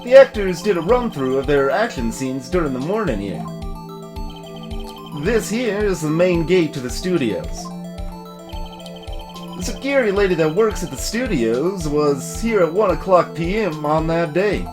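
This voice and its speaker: A man voicing a gruff, folksy, bumbling male police detective in a fan-voiced game playthrough, tagging his lines with "see?". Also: on the high side, sing-song, a little slow, voice pushed up. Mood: explaining. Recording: music playing behind the voice.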